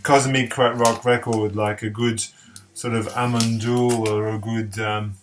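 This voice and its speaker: A man's voice: fairly low pitch, level tone, measured pace, slight background noise. A man from eastern France, reviewing records in a casual vlog, hesitant with many fillers, repeating his praise with enthusiasm. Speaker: record collector.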